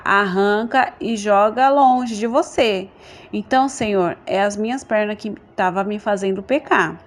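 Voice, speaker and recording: A woman from Brazil with a Brazilian Portuguese accent, giving an earnest religious testimony to her congregation and often checking in with her listeners. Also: mid-range voice. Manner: earnest, addresses listeners as brothers, frequent tag questions. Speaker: church member giving testimony.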